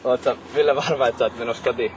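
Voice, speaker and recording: A man calmly asking teasing questions of a drunk friend outdoors by a car while filming him. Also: medium pitch. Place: outdoors beside a car in cold weather. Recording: noisy outdoor home video.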